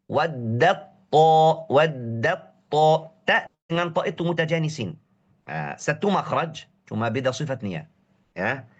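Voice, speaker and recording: A man with a cold teaching a tajweed lesson online, drawing Arabic words out slowly to demonstrate their pronunciation and drilling short syllables again and again. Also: on the high side, a bit bright, dull audio. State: has a cold. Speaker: Quran recitation teacher.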